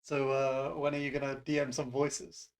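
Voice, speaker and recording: A man asking relaxed, teasing questions in a casual chat. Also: mid-range voice, normal speed. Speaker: interviewer.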